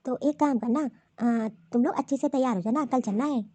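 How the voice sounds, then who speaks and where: A woman voicing a scheming, scolding middle-aged mother-in-law in a cartoon, talking in a sharp, taunting, bossy way. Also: high-pitched, fairly quick. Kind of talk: cartoon voice acting.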